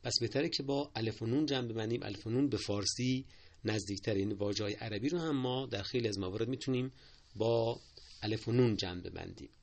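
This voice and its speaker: A man with a gravelly, creaky voice teaches correct usage in a steady, explanatory way. He repeats key points and keeps asking his listeners to pay close attention. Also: on the low side. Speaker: Persian language teacher. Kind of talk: spoken lesson on correct usage.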